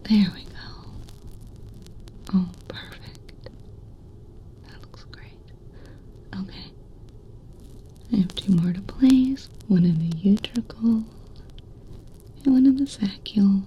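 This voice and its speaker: Woman doing whispered role-play ear cleaning asmr, gentle clinician, really dark soft voice, slow, kinda muffled. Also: mid-range voice, slight background noise.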